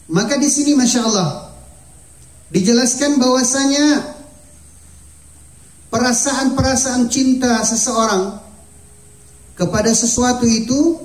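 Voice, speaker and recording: A man gives an earnest religious lesson, his voice pitched high for a man. He reads Arabic phrases slowly and then explains them. The room around him rings with echo. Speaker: religious teacher. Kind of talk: sermon-style book study. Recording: echoey room.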